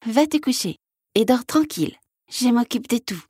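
Sweet frog princess for a storybook, voiced by a woman, high and tiny, soft-spoken and gentle. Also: animated, normal speed, husky, dry recording, clean studio sound. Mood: tender. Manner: soft, small voice.

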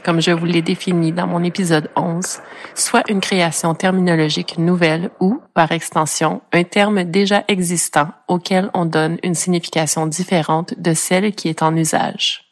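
A middle-aged woman with a Franco-Ontarian French accent, reading a personal podcast narration in a measured, reflective way. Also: fairly low pitch, steady tone. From Ontario, Canada. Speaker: podcast host.

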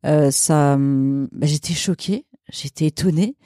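A Portuguese woman in her thirties, guesting on a podcast, tells stories in casual conversation, chatty and full of fillers, restarts, and frequent laughter. Her voice is low-pitched, unhurried, and dark, recorded in studio quality with no echo.

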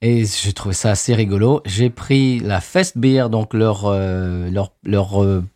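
A man's voice: fairly low pitch, slow pace, dark tone. A man co-hosting a beer podcast, chatting casually and telling stories with lots of restarts. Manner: chatty, storytelling with many restarts. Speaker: podcast co-host. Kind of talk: casual chat.

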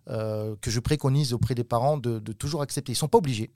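A middle-aged man from southwest France talks through an interview as a talent agent. He stops, hedges and restarts often, his voice sitting at an ordinary pitch. The sound is dry and close, with no room around it. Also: fast, mellow, no room sound. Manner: hesitant, many fillers and restarts. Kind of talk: casual interview talk.

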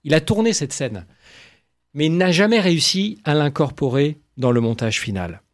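A man giving enthusiastic film commentary, animated and full of exclamations and quick asides. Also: fairly high pitch.

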